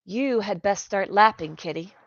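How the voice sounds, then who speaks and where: A woman voicing a brisk, kind and stubborn young noble girl, talking in a firm, proper way. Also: medium pitch, no echo, lightly acted. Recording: dry, dull lo-fi recording.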